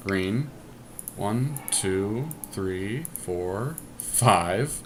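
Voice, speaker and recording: Speaking very slowly but with lively intonation, a man on the low side gives a teammate casual commentary, thinking step by step through every move. He is a podcast host in an online card game, and the amateur screen capture carries clear background noise.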